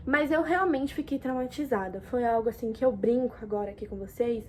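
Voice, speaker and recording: A young Brazilian woman vlogs in a casual, talkative way, her voice sitting a little high. She leans hard into exclamations, then drops into soft, quick asides. A faint hiss runs under the recording. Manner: expressive, chatty, swings between loud exclamations and soft asides. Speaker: vlogger. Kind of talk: casual chat to camera.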